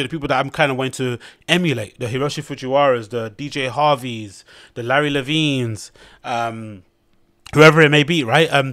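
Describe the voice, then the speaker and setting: A man's voice: medium pitch, fairly bright tone, no echo, clean studio sound. A young man with a London accent, hosting his podcast and giving blunt, rambling commentary on a news article, with lots of fillers and restarts. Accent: London English. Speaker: podcast host.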